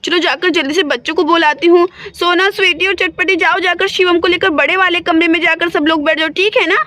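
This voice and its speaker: A woman's voice: very high-pitched, steady tone, brisk, sharp tone, no echo. A woman voicing a caring young village elder sister who reassures and directs the others in a doll-play story. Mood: reassuring.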